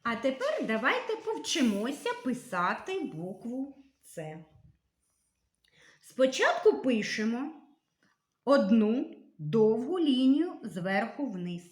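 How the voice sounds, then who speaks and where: A woman teacher leads a literacy lesson for small children, every sound spelled out slowly and with care. Her slightly high voice rises and falls in an animated, encouraging way. The recording carries a noticeable room echo. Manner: slow, clearly articulated, encouraging.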